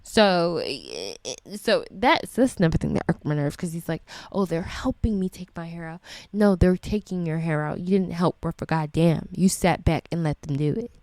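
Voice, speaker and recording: A woman's voice: low voice, lively intonation, normal speed, few pauses, a little mellow, no room sound. A woman giving indignant reaction commentary as an educator, swearing freely and firing off rhetorical questions. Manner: indignant, profane ranting.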